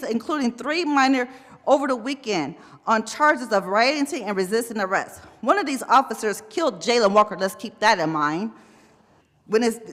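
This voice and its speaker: A woman giving a confrontational public comment at a council podium, rising to shouting. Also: on the high side. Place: city council chamber. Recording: echoey hall with long reverb.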